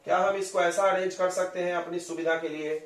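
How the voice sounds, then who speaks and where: A man's voice: high voice, fairly even intonation, brisk. A man teaching chemistry in a classroom lecture, quizzing his students and coaxing them to follow along. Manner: coaxing, drills students with questions. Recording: roomy echo, voice from a distance.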